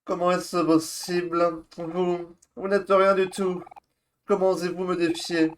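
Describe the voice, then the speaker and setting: A man's voice: sits high, little pitch movement, unhurried. A man voicing a vain, haughty woman queen who scorns commoners, in a theatrical game voice.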